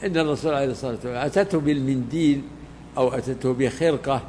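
An older man, a sheikh, explaining a classical text to students in unhurried, halting commentary. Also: mid-range voice, darkish tone. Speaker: sheikh teaching a hadith text. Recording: hall reverb, faint background noise.

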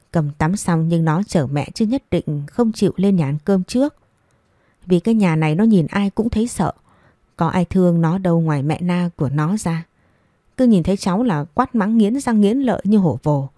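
A woman narrates a story with a low, dark voice. She reads in a steady, unhurried manner. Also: no echo, clean studio sound.

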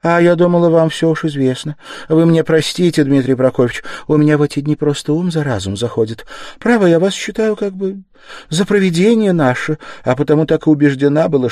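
A man's voice: fairly high pitch, a little mellow, no room sound, studio quality, voice pushed up, close to an everyday voice. A man reading aloud voices an anxious, fussing older mother who exclaims in fluster.

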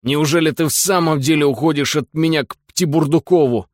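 A man voicing a self-pitying, theatrical middle-aged husband who whines in a drawn-out nasal tone, read as an audiobook character. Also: on the high side, dry recording, clean studio sound, pitched above the performer's own voice, lightly acted. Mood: pleading.

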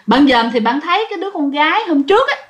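Lively chatty woman. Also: sits high. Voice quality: lively, chatty, drawn-out southern fillers. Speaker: ghost story narrator. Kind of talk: casual storytelling to listeners.

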